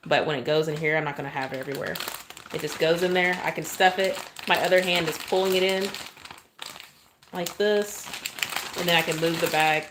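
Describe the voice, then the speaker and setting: A woman's voice: deep voice, background noise. A chatty woman, demonstrating cake decorating on a live stream and often thanking her viewers.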